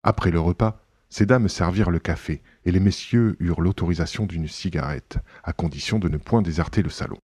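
A man reading a classic novel aloud as an audiobook narrator, in a measured storytelling manner. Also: low voice, darkish tone, slightly rough, no echo, studio quality.

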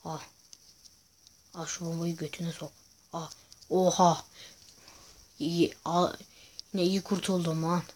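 A man's voice: fairly high pitch, level tone, slow, long pauses, darkish tone, a little hiss or hum. A man giving casual gameplay commentary to viewers, chatty and full of crude jokes. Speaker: gaming YouTuber host.

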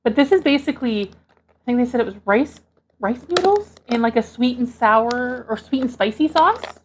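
A woman from Canada hosting her own mukbang video, chatting casually and getting excited over each dish as she unpacks it. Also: fairly high pitch, moderate pace, a little hiss or hum. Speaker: mukbang host.

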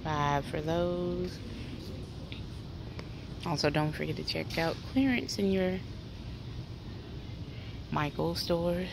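Speaking slowly in a lowish voice with vocal fry and long pauses, a woman walks through a large retail store narrating a haul video on a handheld phone. She reads sale prices aloud in a chatty, practical manner over the ambient store sound.

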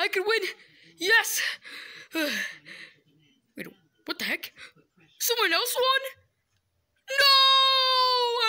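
A performer voicing an excitable, easily panicked little boy who talks to himself. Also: very high voice, voice pushed up, exaggerated voice. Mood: eager.

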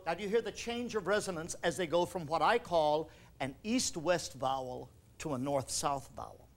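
A man leading a choral workshop, coaching singers with quick commands and questions. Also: a little high. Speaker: choral conductor teaching a workshop. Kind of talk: instructional workshop talk.

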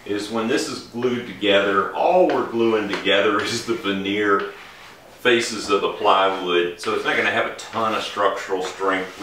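A middle-aged woodworking instructor casually demonstrates his work in a large indoor workshop, relaxed as he explains each step. His voice is fairly low, picked up from a distance by a camera mic in the echoey space, with slight background noise.

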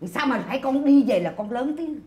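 A woman's voice: high-pitched, expressive, a little fast, echoey room, slight background noise. A bossy, doting mother-in-law. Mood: scolding. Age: older. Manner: scolding and sharp, then soft and consoling. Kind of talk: sitcom acting.

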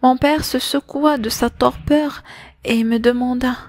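A woman with a high, light voice reads a novel aloud in an unhurried, even storytelling manner. The recording is close and dry, with no room sound. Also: dry recording. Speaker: audiobook narrator. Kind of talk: audiobook reading of a novel.

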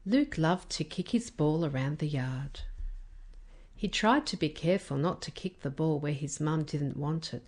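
A woman reads a children's storybook aloud, carefully and unhurriedly. Her slightly low voice carries animated, expressive intonation.

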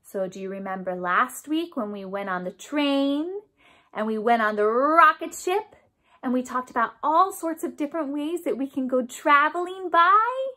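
Very high, broad singsong woman teaching kids. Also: normal speed. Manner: broad singsong delivery, theatrical, as to small children; animated, questioning, encouraging call-and-response. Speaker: children's music teacher. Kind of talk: interactive music lesson for young children. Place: small home room, indoors. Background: acoustic guitar she plays.

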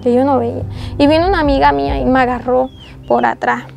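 A woman's voice: high-pitched, fairly even intonation, quick pace, vocal fry, darkish tone. A young woman, giving an earnest, tearful testimony in an interview. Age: young adult. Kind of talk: emotional testimony.

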